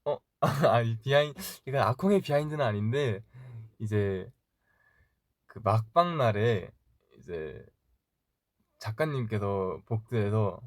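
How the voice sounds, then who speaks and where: A man's voice: on the low side, lively intonation, dry recording, studio quality. A young man in his twenties chatting casually on a livestream, answering fan comments with easy laughs and rambling stories. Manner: chatty, rambling, quick laughs, talks softly to himself. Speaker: idol livestream host.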